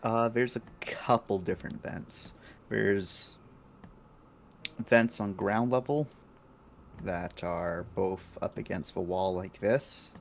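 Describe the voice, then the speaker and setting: A man calmly describing scenes as game master of a tabletop role-playing game. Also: fairly low pitch, slow pace, highs cut off, a little hiss or hum. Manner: calm, descriptive.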